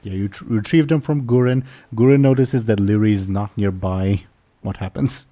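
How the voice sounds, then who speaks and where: Low, mellow-voiced male game master. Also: steady tone, moderate pace. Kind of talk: narrating a tabletop role-playing game, casual.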